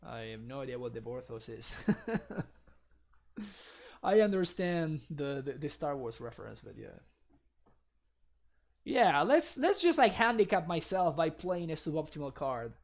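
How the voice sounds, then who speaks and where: Laughing often, a young Spanish-accented man, native Spanish speaker, chats casually with viewers as he streams a card game. His fairly high voice is very animated yet unhurried, with vocal fry and frequent pauses.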